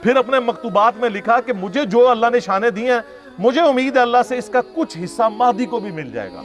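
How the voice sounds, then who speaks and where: Music runs under the very high, expressive voice of a Pakistani Islamic lecturer who speaks a little fast. His informal sermon is conversational and sarcastic, built on rhetorical questions.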